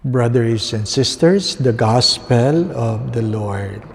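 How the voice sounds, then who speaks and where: A man with a Filipino accent speaking as a priest at Mass, solemn and deliberate, pausing between short phrases in a church with cathedral echo. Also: mid-range voice, animated, vocal fry, crowd noise. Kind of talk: solemn scripture reading and homily. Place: inside a large reverberant church.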